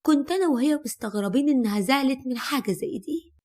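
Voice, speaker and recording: A woman with an Egyptian accent reading a first-person story in a brisk, even storytelling manner. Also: sits high. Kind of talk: scripted first-person narration.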